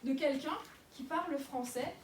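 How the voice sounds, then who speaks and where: A young woman gives a public lecture with a fairly high voice, pausing often on fillers and restarting her sentences. She sounds far from the mic in an echoey room. Steady noise runs under her voice. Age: young adult. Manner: hesitant, many fillers and restarts.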